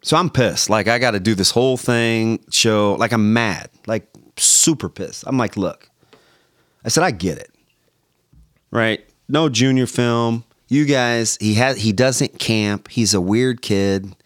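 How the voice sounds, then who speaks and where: Animated midwestern man telling a story. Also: on the low side, measured pace, no room sound, studio quality. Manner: animated storyteller, acts out quoted phone calls. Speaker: podcast guest, former radio host. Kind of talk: casual storytelling interview.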